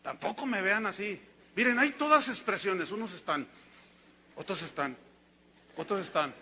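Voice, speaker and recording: A man's voice: high-pitched, moderate pace, pushed and bright, slight background noise. A man with a Mexican Spanish accent preaching a sermon as pastor, conversational and teasing, then emphatic.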